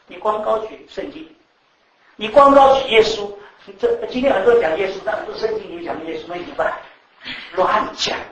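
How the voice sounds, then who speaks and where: A man preaching to a class, animated, repeating words and quizzing the audience. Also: high voice, fairly quick. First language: Chinese. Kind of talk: sermon to a class. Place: teaching room with live audience. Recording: echoey room, mic at a distance.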